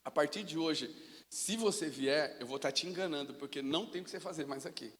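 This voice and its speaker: A man preaching a sermon in a church, telling stories in an animated, casual way. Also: fairly high pitch, a little fast. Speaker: pastor. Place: church sanctuary. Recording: long reverb of a church hall.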